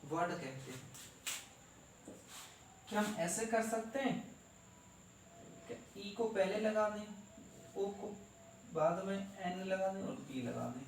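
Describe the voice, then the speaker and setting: A man's voice: high-pitched, expressive, slow pace, long pauses. A man teaching an English grammar lesson, asking questions and answering them himself and spelling out letters one by one. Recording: echoey room, voice from far off, faint noise.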